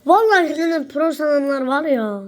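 High-voiced woman trash-talking through a game. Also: animated, normal speed. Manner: trash-talking, taunting, profane, shouts repeated jeers. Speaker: streamer playing an online game. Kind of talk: live gameplay chat.

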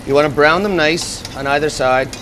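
Male executive chef, slightly high voice, lapel mic in a noisy restaurant kitchen. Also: moderate pace. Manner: steady instructive step-by-step explaining. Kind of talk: cooking demonstration. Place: restaurant kitchen at a gas range.

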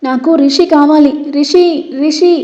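A woman's voice: high-pitched, unhurried, dark tone, highs cut off, pitched above the performer's own voice. A woman voicing a distraught young woman who sobs and cries out desperately. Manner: sobbing, desperate.

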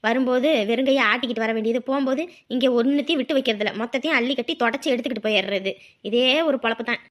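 A woman playing a village housewife in a comedy sketch, rapidly griping about her in-laws to a neighbour. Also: on the high side, close to an everyday voice. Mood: gossipy. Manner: rapid gossipy complaining.

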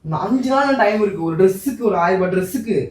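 A man's voice: high voice, animated, rapid-fire, echoey room. A man acting out a couple's quarrel in a vlog skit, pleading and emotional.

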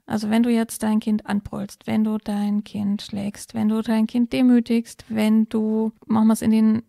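Woman on a podcast, gravelly voice, pretty flat, dry close sound, explains things step by step. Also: fairly high pitch, a little slow, dry recording. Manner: explanatory, thoughtful, gives step-by-step advice. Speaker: podcast co-host explaining parenting topics. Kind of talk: casual podcast conversation.

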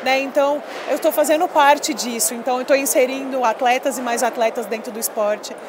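A high-voiced woman in her thirties speaks briskly with fairly even intonation, emphatic and full of little fillers. Once a volleyball player, she's being casually interviewed in a busy expo hall with background noise, using a handheld mic the interviewer holds.

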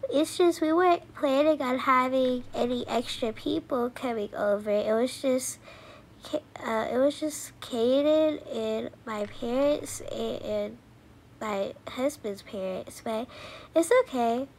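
For an amateur cartoon doll story, a woman plays a kind mother in her thirties who is hesitant and polite. The voice sits high, moves slowly, and is a little mellow, recorded at home with obvious noise.

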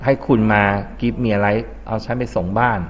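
A man's voice: medium pitch, little pitch movement, measured pace, dull audio, slight background noise. Thai man teaching an English class. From Thailand. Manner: explains vocabulary, asks the class questions. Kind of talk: classroom lesson.

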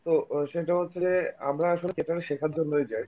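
A man speaking hesitantly with many pauses in an online panel discussion. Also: a little high, fairly even intonation. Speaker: panel guest. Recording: tinny phone-like call line.

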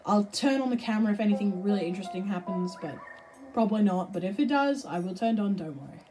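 A woman giving casual let's-play commentary, excitable, swearing and shouting at the game, cooing baby talk to an in-game pet. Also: mid-range voice, fast talker, over music, low-quality recording. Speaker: gameplay streamer.

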